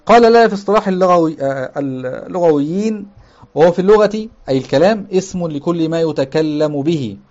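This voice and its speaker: A man's voice: on the high side, expressive, brisk, darkish tone, dull audio. A man teaching a grammar lesson. He explains step by step, repeats key terms, often checks with his listeners, and raises his voice when he quotes the text.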